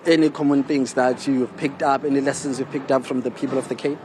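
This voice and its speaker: A man's voice: medium pitch, steady tone, fast, darkish tone. A South African man giving a conversational, wordy live news report from the street. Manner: conversational, wordy, frequent "you know". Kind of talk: live on-location report and interview. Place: outdoors on a city street. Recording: outdoor street, faint traffic noise.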